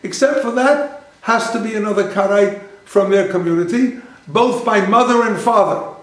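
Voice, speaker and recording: Male rabbi lecturer, higher pitch, anecdotal storyteller, very roomy hall sound. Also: normal speed. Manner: anecdotal, repeats phrases, acts out dialogue. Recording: very echoey lecture room.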